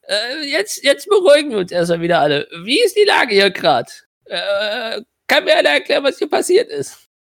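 Guy doing a scratchy high wizard voice, frazzled and rushed, dry sound. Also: big pitch swings, a bit bright, no room sound, exaggerated voice. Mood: flustered. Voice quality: croaky, high. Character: exhausted battered male wizard, croaky, flustered.

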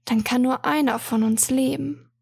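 A troubled young moon princess, voiced by a woman in a storybook, murmuring quietly in a high, airy voice. The recording is dry and close. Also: steady tone, normal speed, gravelly, breathy edge, no echo, full character voice.

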